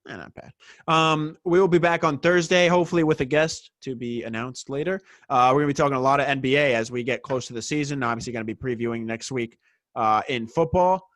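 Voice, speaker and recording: A man's voice: medium pitch, quick pace, fairly bright tone, no echo. Laid-back young man co-hosting a sports podcast. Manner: laid-back, swears casually, wraps up the show. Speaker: podcast co-host. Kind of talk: casual sports podcast chat.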